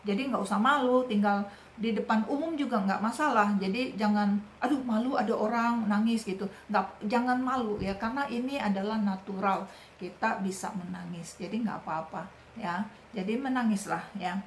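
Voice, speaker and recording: A woman giving a sermon, speaking gently and often tagging her sentences with short affirming words. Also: medium pitch, normal speed. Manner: gentle, repeats "ya" and "gitu" often. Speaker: preacher. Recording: echoey room with faint noise.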